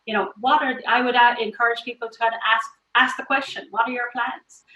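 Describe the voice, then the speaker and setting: A woman's voice: on the high side, steady tone, brisk, pushed and bright, reverberant, lo-fi sound. A woman giving explanatory, conversational interview answers over a video call. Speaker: tech industry interviewee.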